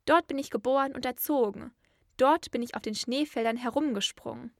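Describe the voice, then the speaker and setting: A woman's voice: high voice, fairly quick, vocal fry, no room sound, studio quality. A woman voicing a tethered reindeer, proud and longing for its snowy home, in a storybook reading. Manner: wistful, boastful.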